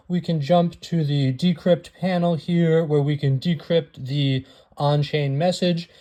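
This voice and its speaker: A man presenting a software demo, explaining it step by step in a matter-of-fact way. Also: on the high side. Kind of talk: narrated software demo walkthrough.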